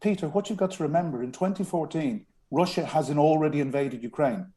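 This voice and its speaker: On a radio interview, a guest who used to work as a strategic communications advisor speaks in a Dublin Irish accent with a fairly high, mellow voice, going a little fast. He is earnest but frequently hesitates and begins again.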